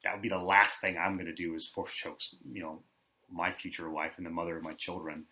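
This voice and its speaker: A man with a low voice and a bright, clear edge, speaking as a podcast co-host. He lays out his opinions firmly and at length in relaxed conversation. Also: brisk. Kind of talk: casual podcast chat.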